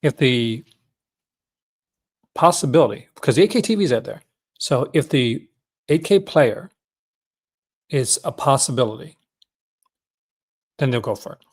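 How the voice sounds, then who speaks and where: With an animated, slightly rough mid-range voice, this man takes a measured pace and pauses often. He hosts a movie-collecting vlog and, speaking with a Newfoundland accent as a native of Newfoundland, Canada, chats casually off the cuff, folksy and keen.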